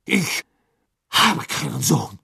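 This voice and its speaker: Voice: medium pitch, sing-song, slow, creaky, sharp tone, breathy edge, voice pushed up, heavily acted. A reader voicing a stern male official who barks and thunders his orders in cold fury in an audiobook. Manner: barking, thundering.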